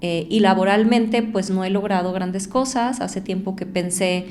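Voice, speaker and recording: A woman, an entrepreneur and author, talking as a guest in an interview, reflective and growing more lively when she tells stories. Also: medium pitch, measured pace, a little hiss or hum. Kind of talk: conversational interview.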